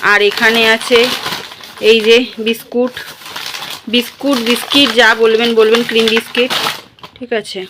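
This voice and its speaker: A woman's voice: on the high side, monotone, normal speed, long pauses, noisy background. Chatty woman vlogging from the market. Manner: chatty, addresses viewers directly. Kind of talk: casual vlog chat.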